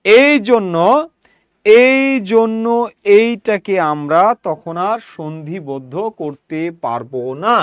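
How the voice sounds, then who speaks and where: A man teaching a class, repeating words aloud slowly and often asking his listeners whether they follow. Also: a little high, expressive, no echo, lo-fi sound. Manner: addresses listeners directly with questions. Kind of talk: classroom lecture.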